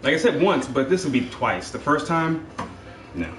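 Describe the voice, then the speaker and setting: A man tasting dishes as a guest, relaxed and joking in casual chat. He stands back from the microphone in an echoey kitchen. Clear background noise sits under his voice. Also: fairly high pitch, normal speed, recorded from a distance. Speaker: guest taster. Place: home kitchen, indoors. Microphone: far camera. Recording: roomy kitchen from off-mic, noisy.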